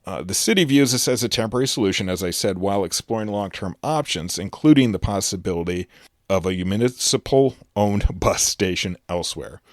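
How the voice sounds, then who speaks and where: Male podcast host, on the low side, casual news roundup with plenty of "uh"s, close and dry. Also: lively intonation, a little fast, no room sound. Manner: chatty, loose delivery with frequent "uh" fillers and restarts.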